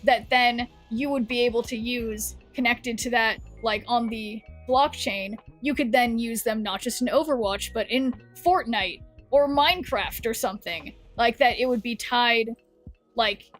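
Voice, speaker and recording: A woman streaming a card game, chatting loosely with her viewers. Her voice sits a little high and sounds worn from talking. Faint music plays underneath. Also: measured pace. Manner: chatty, rambling, reads chat aloud. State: losing her voice. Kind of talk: casual live-stream chat.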